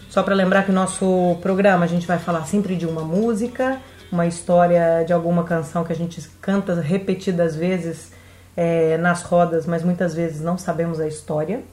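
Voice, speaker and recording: A woman's voice: lowish voice, fairly quick, darkish tone, echoey room, faint music behind. A Brazilian woman co-hosting a casual podcast, chatting and thinking aloud with frequent restarts. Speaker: podcast co-host.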